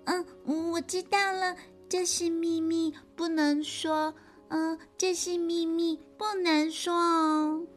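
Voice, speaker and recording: A woman voicing a timid, scrawny young rabbit in a children's story, squeaky, nervous and whiny. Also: little pitch movement, slow pace, soft background music. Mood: meek.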